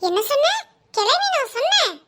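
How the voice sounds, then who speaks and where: A woman voicing a sharp-tongued older mother-in-law in a cartoon, taunting and bickering. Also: very high-pitched, very animated, normal speed, exaggerated voice.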